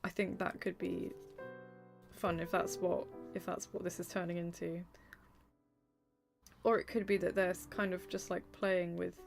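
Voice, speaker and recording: A woman's voice: fairly low pitch, flat delivery, moderate pace, creaky, pauses often, faint music behind. A woman streamer chatting casually while she draws, reading out chat messages, with lots of ums and small laughs.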